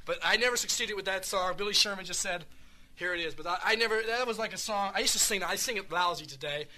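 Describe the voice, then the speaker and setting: A male street singer rambles earnestly through his song introductions, restarting often. His voice is high, slightly hoarse, pushed and bright, and he talks at a quick pace.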